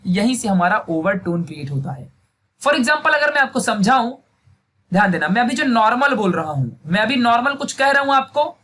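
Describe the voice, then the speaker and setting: A man's voice: high-pitched, sharp tone. A young man teaching a physics lesson, talking in a chatty way and often checking that students follow. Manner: chatty, repeats checks like "samajh gaya?". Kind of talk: Hindi classroom video lesson. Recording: faint background noise.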